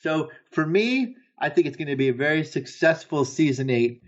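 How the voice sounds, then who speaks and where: A man's voice: on the high side, expressive, moderate pace, muffled recording. A man co-hosting a comedic podcast, talking with mock-serious, dry delivery. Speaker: podcast co-host.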